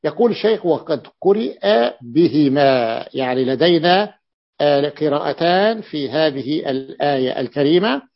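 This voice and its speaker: A man teaching a classical grammar lesson as a sheikh, deliberate and repeating key words, with an "ah" between points. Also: on the high side, animated, gravelly. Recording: muffled lo-fi recording.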